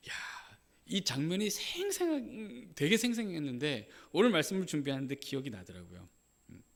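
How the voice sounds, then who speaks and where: Pastor with a lively voice, echoing sanctuary. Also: male voice, on the high side, normal speed, vocal fry. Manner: conversational, with affirming "예" asides, acting out quoted lines. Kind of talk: sermon. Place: church sanctuary. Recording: reverberant church sanctuary.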